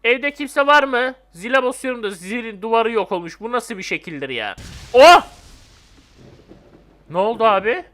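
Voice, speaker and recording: A young man gives excitable commentary while he plays, joking and calling out to his viewers. His voice is bright and sharp, and his pitch leaps up and down a lot. He swings from playful grumbling to sudden loud surprise. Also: brisk, hardly any pauses. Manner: excitable, jumpy, joking, talks to friends and viewers. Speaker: gaming YouTuber. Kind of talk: casual gameplay commentary.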